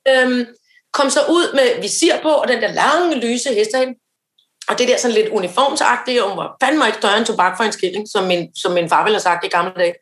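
A woman's voice: a little high, reverberant. A woman co-hosting a podcast, telling a story in casual chat and acting out the voices of people in it. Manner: animated storyteller, acts out quoted voices, laughs often. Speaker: podcast co-host.

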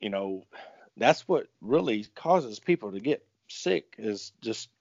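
A man's voice: on the low side, animated, takes it slowly, gravelly, darkish tone. A man talking sports casually as a commentator, in a rambling, folksy way. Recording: roomy, echoing, muffled audio.

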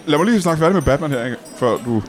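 A man's voice: a little high, animated. Faux-naive male host, music behind. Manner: faux-naive, probing questions. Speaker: host and interviewer. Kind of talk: mock interview comedy. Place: outdoors at a street market.

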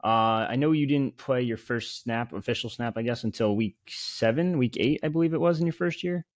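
A man hosting a casual podcast, asking relaxed questions with small fillers. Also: mid-range voice, moderate pace, dry recording, clean studio sound. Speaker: podcast host.

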